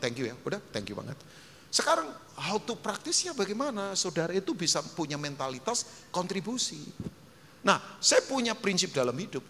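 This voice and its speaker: A man preaching a sermon as pastor, emphatic and animated, acting out quotes and dropping English phrases. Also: sits high. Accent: Indonesian. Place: large church hall. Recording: long hall reverb, faint noise.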